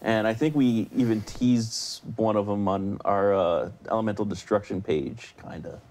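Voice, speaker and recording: Guy hosting a live game stream, lowish voice, rambly with lots of um and like. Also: moderate pace, darkish tone. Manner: rambling, lots of fillers and restarts. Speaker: live show host. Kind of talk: casual live stream chat.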